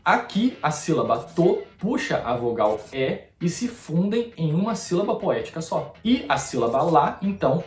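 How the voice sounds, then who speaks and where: A man with a slightly high voice walks through the lesson methodically, explaining each point in turn. His voice carries a noticeable room echo around it. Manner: didactic, methodical, explaining step by step. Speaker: host. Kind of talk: explanatory music-analysis narration. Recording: roomy echo.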